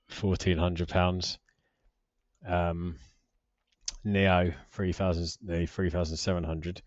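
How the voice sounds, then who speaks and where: A British personal finance vlogger in his forties talks casually over a screen share in a low voice. He rambles and hesitates, frequently putting himself down. The sound is slightly dull but quite dry, without echo.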